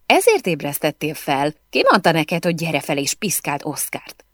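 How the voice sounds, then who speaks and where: A woman reading the part of an irritated famous actress who is sharp with people and gentle with her bird. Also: deep voice, sing-song, no room sound, clean studio sound. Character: irritated famous female film star, young adult.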